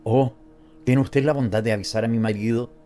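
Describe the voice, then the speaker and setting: A man's voice: medium pitch, fairly even intonation, fairly quick, dark tone, soft background music, lightly acted. A man voicing a distraught young bride who pleads through tears. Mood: pleading. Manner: pleading, tearful.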